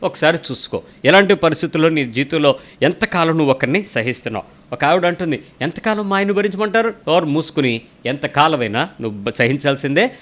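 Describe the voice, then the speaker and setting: A man's voice: fairly high pitch, expressive, fast talker, a bit bright. A man preaching a sermon, telling a story and quoting its people, pressing hard with questions aimed at the listener. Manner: tells a story and quotes the people in it.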